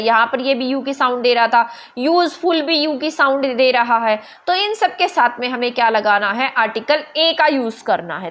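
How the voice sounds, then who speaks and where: Woman, Hindi accent, high voice, teacher, explains step by step, spells letters out slowly. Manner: explains step by step, asks and answers her own questions. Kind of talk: online grammar lesson.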